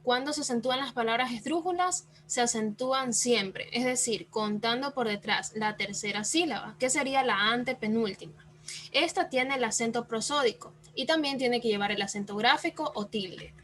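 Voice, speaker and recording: A woman's voice: a little high, normal speed, a bit bright. A female student giving a class presentation, posing questions and answering them herself. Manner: explanatory, asks and answers her own questions.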